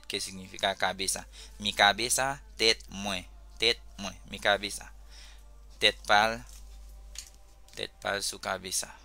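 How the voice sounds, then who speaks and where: Low-ish guy, teaching letters slow, keeps saying ok, bright voice. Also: creaky. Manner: slow, repeats sounds and checks with "ok?". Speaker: language teacher. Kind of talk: casual online lesson.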